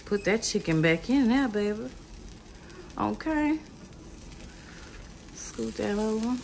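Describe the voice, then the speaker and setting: Slow but animated, her voice sits on the high side and is gravelly and a little mellow, with a little hiss or hum in the recording. A woman in her thirties, she hosts a casual cooking vlog from her home kitchen, chatting directly to viewers as y'all and baby.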